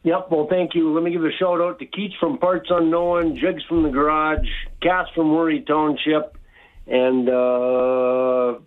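A man's voice: fairly high pitch, little pitch movement, unhurried. Friendly man calling in over a phone line. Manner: chatty, friendly. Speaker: caller. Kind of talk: casual phone call.

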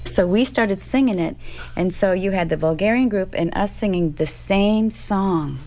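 A woman from Northern California, a guest singer, telling a story in an interview with animated, warm delivery. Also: mid-range voice, moderate pace. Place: radio studio.

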